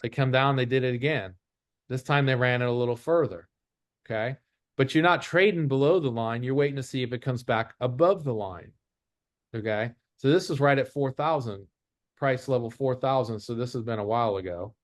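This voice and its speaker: A trading instructor runs an informal lesson built around charts, explaining step by step and repeating his rules. His voice is mid-range at a moderate pace, and the studio-quality recording has no echo.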